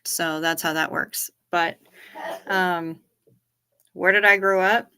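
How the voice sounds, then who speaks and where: A woman's voice: lowish voice, fairly even intonation, slow pace, pushed and bright, a little hiss or hum. A woman livestreaming casual chat, from northern Minnesota, with a mixed East Coast and Southern accent, chatty and casually profane. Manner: chatty, swears casually, repeats what others say. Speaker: livestream host.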